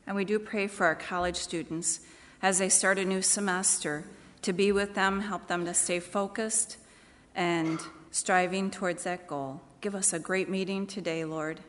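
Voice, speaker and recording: Speaking at normal speed with fairly even intonation, a woman church leader addresses the congregation plainly and conversationally through announcements and prayer. Her lowish voice carries through a large meeting hall, where the recording picks up long, echoing reverb and slight background noise.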